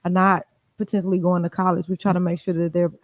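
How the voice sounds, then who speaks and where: A woman, a youth club director calmly explaining her programs as a guest on a podcast. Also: lowish voice, quick pace, low-quality recording. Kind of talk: podcast interview.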